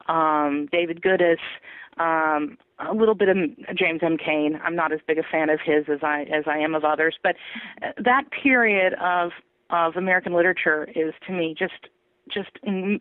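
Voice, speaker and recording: A woman author telling her story in an animated, laughing way during an interview. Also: lowish voice, dry recording. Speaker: author guest. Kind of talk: interview over phone. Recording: tinny phone line, dry.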